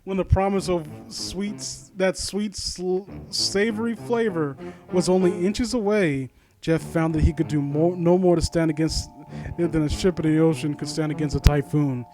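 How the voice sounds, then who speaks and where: Over music, the host of a critique series reads a story and reacts to it in casual commentary. His voice runs on the high side at a normal speed. He's informal and sardonic, tossing in mock-supportive asides and frequently tripping over the text.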